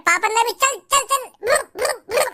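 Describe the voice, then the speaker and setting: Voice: very high-pitched, lively intonation, moderate pace, very noisy. A voice actor playing a silly, cowardly village boy in a cartoon comedy, rambling and stammering in a rustic dialect.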